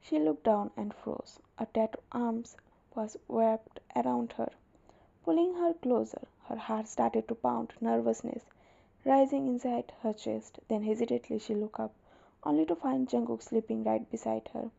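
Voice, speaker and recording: Woman with a heavy vocal fry, narrating. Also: on the high side, steady tone, unhurried, mellow, highs cut off. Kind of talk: scripted fan fiction narration.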